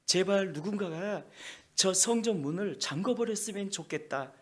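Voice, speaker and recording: A man's voice: high voice, expressive, normal speed, fairly bright tone, voice pushed up. A male pastor voicing an angry God who rebukes his priests with repeated, thundering demands. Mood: wrathful rebuke.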